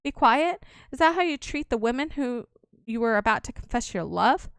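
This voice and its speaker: A woman reading a feisty sharp-tongued heroine. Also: fairly high pitch, expressive, clean tone, no room sound, clean studio sound. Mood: teasing. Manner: teasing, quick-tempered.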